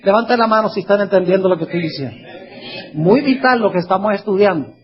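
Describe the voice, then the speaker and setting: A man preaching a sermon, reading scripture slowly and putting questions to his listeners. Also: sits high, expressive. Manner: asks the audience questions, reads scripture slowly. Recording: dull lo-fi recording.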